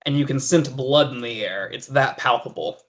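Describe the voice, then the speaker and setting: A man narrating as game master of a tabletop game, talking haltingly with many fillers and restarts. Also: mid-range voice.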